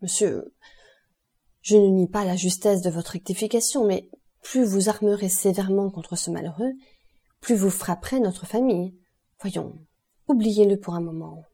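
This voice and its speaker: Woman doing a dignified baroness, pleading, slightly husky, mellow voice, storybook reading. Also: medium pitch, moderate pace. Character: proud distressed baroness, middle-aged mother.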